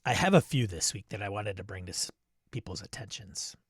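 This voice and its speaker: A man's voice: on the low side, a little fast, husky, no room sound, studio quality. A man from the United States co-hosting a podcast, talking casually with lots of fillers and trailing-off sentences, poking fun at himself. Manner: chatty, self-deprecating, trails off into filler. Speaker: podcast co-host. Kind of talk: casual chat.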